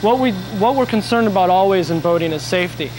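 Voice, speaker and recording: A man in his thirties giving a steady, informative explanation of how products are made, during an on-site factory tour. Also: sits high, quick pace. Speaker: factory guide explaining brush making. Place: factory floor with machines running. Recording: noisy factory floor.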